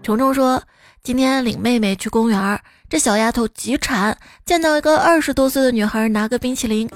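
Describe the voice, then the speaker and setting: A woman's voice: fairly high pitch, brisk, dry recording, studio quality, faint music behind. A woman radio host reading out listeners' funny stories about children, with teasing comic asides and playful imitations of the kids. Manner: playful teasing commentary, lively mimicking of children's lines.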